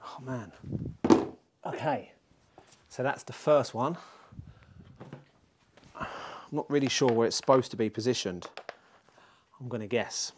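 A man's voice: medium pitch, unhurried, pauses often, a little hiss or hum. Chatty, self-mocking man vlogging. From England. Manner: chatty, self-mocking, talks to himself while fumbling. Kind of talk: casual self-filmed vlog commentary. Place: garage, then outdoors cycling on roads. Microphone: action camera mounted on bike and chest.

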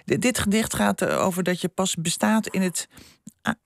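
A male co-host chats along, paraphrasing and clarifying for listeners. His voice is fairly high for a man. The sound is close and dry. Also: lively intonation, moderate pace, gravelly, no echo. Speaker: radio co-host. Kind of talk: radio interview.

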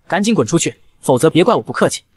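A man voicing a stern, quick-tempered old sect elder who scolds gruffly, in a fast manga recap narration. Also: on the high side, animated, no echo.

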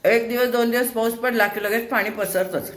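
A woman's voice: on the high side, steady tone, normal speed, roomy sound. An older woman, host of a home vlog, chatting casually while cooking, asking rhetorical questions and scolding in a homely way. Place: home kitchen.

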